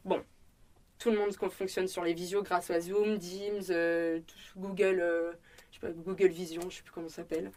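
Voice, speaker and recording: A woman's voice: on the low side, level tone, normal speed, a little mellow. A young woman with a French accent telling her story in a casual interview, chatty, with many fillers, acting out bits of dialogue. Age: young adult. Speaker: restaurant owner and student guest.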